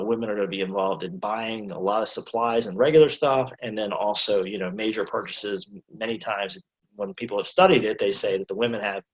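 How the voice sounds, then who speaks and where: A man hosting a relaxed interview, speaking in a lowish voice. He talks in long, rambling sentences padded with you-knows. The recording is dull and lo-fi. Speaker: host. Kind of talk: casual interview chat.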